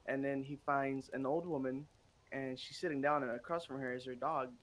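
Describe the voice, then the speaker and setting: A man's voice: medium pitch, fairly even intonation, a bit bright. Man telling a joke over a noisy mic. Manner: rambling storyteller, halting fillers. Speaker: streamer host. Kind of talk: casual chat, telling a joke.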